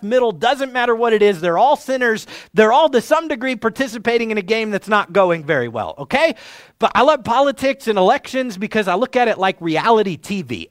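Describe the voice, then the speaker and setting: A man's voice: very high-pitched, no echo, clean studio sound. A man preaching a sermon in an earnest, conversational way, like a pastor explaining scripture to his congregation.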